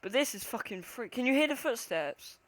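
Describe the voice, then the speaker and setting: A panicky, scared gamer streams a horror game, chatting casually to a co-player. The voice is bright and very animated in pitch, slipping from nervous muttering into jumpy outbursts and swearing. The sound is dry and close. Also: brisk, no echo.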